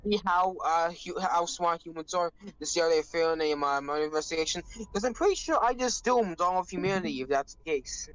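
A man playing a tabletop game, excitable and quick to repeat himself. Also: fairly high pitch, clean tone, poor audio. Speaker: player.

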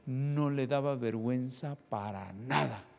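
A male preacher delivering a sermon to his congregation, firing rhetorical questions at them and swinging between soft, low passages and loud, rising ones. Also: unhurried, vocal fry. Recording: long reverb of a hall.

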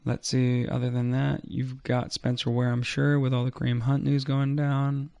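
Mellow, gravelly male podcast host. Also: mid-range voice, completely flat delivery, normal speed, no room sound, lo-fi sound. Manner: informal, slangy. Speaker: fantasy football podcast host. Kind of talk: casual solo sports commentary.

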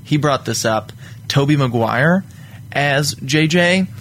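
A man hosting a casual podcast chat, excitable and teasing. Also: on the high side, takes it slowly. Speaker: podcast host.

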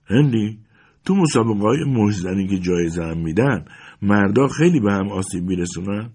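A man's voice: on the low side, lively intonation, a little mellow, husky. A man reading the part of a guarded, wistful farm wife in a story, asking short, clipped questions.

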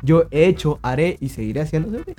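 A man's voice: fairly high pitch, sing-song, fast talker, mellow, faint music behind. A man, co-hosting a podcast and telling stories crudely in casual chat, acting out what people said. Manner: crude, acts out quotes. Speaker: podcast co-host.

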